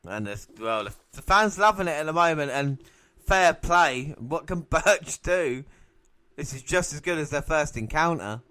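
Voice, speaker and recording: A man commentating on a wrestling match for a podcast, excitable and often laughing. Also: a little high, unhurried. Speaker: podcast co-host.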